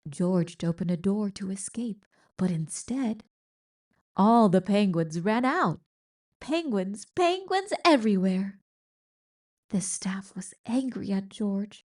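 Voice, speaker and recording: A woman reads a children's picture book aloud, telling the story in an expressive, deliberate way. Her voice sits in the mid range.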